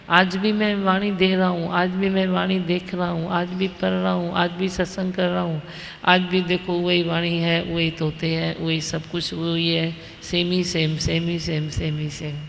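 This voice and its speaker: Slow, gravelly woman. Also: on the low side, level tone, a little hiss or hum. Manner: unhurried, vivid storytelling with quoted asides. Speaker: spiritual teacher leading a satsang. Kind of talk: storytelling devotional talk. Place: large hall with an audience. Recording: long reverb of a hall.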